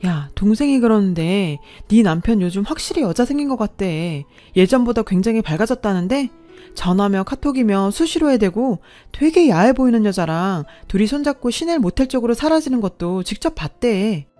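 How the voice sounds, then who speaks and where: A woman's voice: mid-range voice, animated, moderate pace, dark tone, soft background music, natural voice. A woman voicing a female friend passing on gossip over the phone in a radio drama. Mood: gossipy.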